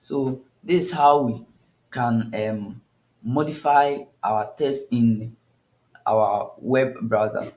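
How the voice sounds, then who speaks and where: A man's voice: mid-range voice, takes it slowly, darkish tone. A man teaching a coding tutorial step by step, thinking aloud and often restarting his sentences. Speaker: coding instructor. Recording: echoey room.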